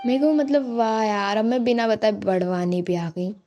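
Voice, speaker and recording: A woman's voice: medium pitch, moderate pace, dark tone, lo-fi sound, soft background music. A teenage girl from India telling a chatty, exasperated stand-up story for a school radio show. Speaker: student stand-up performer. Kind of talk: stand-up comedy monologue.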